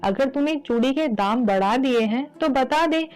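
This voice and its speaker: A woman's voice: sits high, expressive, a little slow, a little mellow, rough recording. A woman voicing a stingy elderly merchant who scolds, then pleads, in a told devotional story. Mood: gruff, scolding. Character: stingy elderly male merchant, later remorseful.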